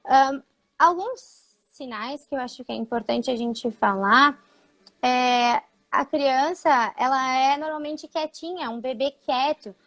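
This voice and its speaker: Lady speech therapist, high voice, explains things slowly and patiently in a live chat. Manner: didactic, steady explaining with frequent fillers. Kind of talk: explanatory live-stream talk.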